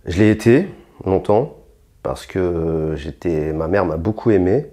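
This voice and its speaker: Unhurried and mellow yet expressive, a young French man interviewed as a rapper gives blunt, provocative answers with frequent restarts and fillers. He rises in pitch and force when things get heated.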